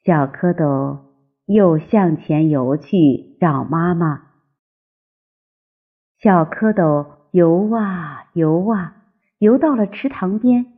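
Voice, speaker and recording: An older woman, a grandmother, telling a bedtime story to her grandchild in a slow, expressive way. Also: fairly low pitch, breathy edge. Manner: slow, warmly expressive reading. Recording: tinny phone-like lo-fi sound.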